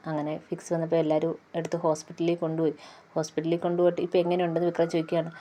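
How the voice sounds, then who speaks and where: Woman recapping a tv serial, quick and monotone, quoting everyone in the same plain voice. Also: sits low, slight background noise. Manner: rapid flat storytelling, quoting characters without acting them. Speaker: serial episode reviewer. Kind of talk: retelling a TV serial episode.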